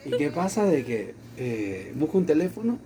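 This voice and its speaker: Lively man telling a story. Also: fairly high pitch, moderate pace, slight background noise. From Latin America. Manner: animated, acts out quoted dialogue. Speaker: storyteller in conversation. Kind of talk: casual storytelling.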